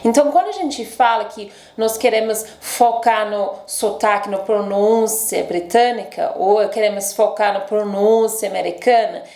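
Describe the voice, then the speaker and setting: A woman's voice: mid-range voice, unhurried, hardly any pauses, darkish tone, roomy sound. London-born woman teaching in Portuguese. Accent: English, close to RP, speaking Portuguese as a second language. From England, London. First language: English. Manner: explains patiently, often checks in with "ok?". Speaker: English teacher. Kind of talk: online language lesson.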